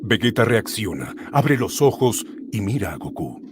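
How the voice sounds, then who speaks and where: A man's voice: on the low side, sing-song, normal speed, noisy background. A man narrating a cartoon episode like a storyteller, adding comic asides. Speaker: storyteller, streamer.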